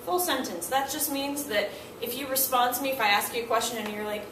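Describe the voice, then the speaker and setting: An animated woman teaches from across a classroom in a slightly high voice, speaking quickly and voicing quoted lines for both student and teacher. Background noise and echo come through the distant mic.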